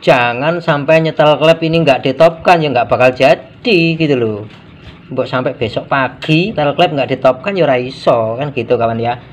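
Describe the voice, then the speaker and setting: A man talks through an engine check in a workshop, as a relaxed mechanic showing his viewers what to do. His pitch sits in an ordinary middle range. A faint hum of background noise runs under the voice. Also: normal speed, dull audio. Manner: casual, explanatory, mixes in Javanese words. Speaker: motorcycle mechanic. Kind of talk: hands-on workshop tutorial. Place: motorcycle workshop.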